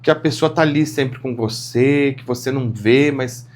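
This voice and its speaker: Middle-aged male co-host, medium pitch, sincere reflective conversational read. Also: normal speed. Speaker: podcast co-host. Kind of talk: casual chat.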